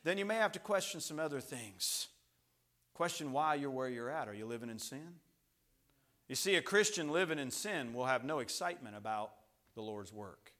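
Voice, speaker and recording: A middle-aged man preaching a Baptist sermon in a church, swinging from loud passionate highs to low hushed lines and often repeating and restarting words. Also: expressive, moderate pace. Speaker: pastor. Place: church sanctuary.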